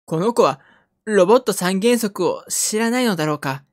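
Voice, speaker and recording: A woman's voice: mid-range voice, animated, normal speed, darkish tone, natural voice. Woman reading a wry, bewildered young man. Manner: wry narration. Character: bewildered young man with no memory, dry inner voice. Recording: game music underneath.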